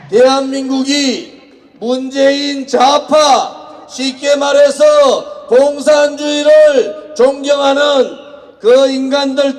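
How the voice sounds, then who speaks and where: A man giving a roaring rallying political speech, shouting out emphatic, deliberate phrases to the public. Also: extremely high pitch, slight background noise. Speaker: political rally speaker, party leader.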